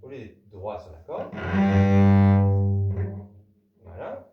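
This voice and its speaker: This cello master class teacher takes it slowly, his voice lowish, yet he stays animated, repeating "non" as he corrects and singing out the bowing rhythms. Loud music sounds over the session in the rehearsal hall. The audio is distant, roomy and dull, with the cello playing loudly.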